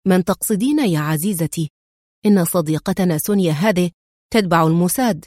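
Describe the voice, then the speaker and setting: A composed, quietly mocking male agent from an audiobook thriller, put on by a woman reader. He speaks steadily and drily, in a voice pitched down below the reader's own. The sound is close and dry, with no room around it. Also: fairly quick, no echo. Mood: wry. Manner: calm, dry and mildly mocking. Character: calm, sardonic male secret agent.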